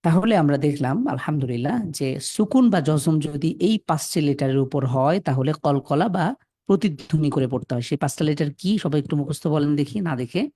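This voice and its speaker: A man leads a Quran reading class in a warm, mellow voice. He patiently sounds out letters, stretching and repeating them for his students. The recording is dry and close, with no room sound. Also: on the high side, no room sound. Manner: sprinkles in pious phrases. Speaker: Quran teacher. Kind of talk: Quran recitation lesson.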